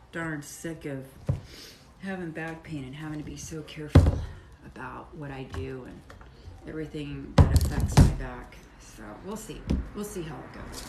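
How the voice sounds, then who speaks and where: A middle-aged woman chatting casually on a live stream while she cuts soap, rambling and talking between bites. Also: low voice. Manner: chatty, rambling, talks while chewing and working. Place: home soap workshop. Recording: echoey room with clear background noise.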